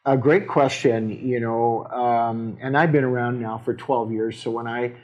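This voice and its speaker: A man, a city mayor, explaining council decisions in casual talk, halting with many fillers and restarts, with a Canadian accent. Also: medium pitch, steady tone, muffled recording. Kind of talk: casual civic discussion.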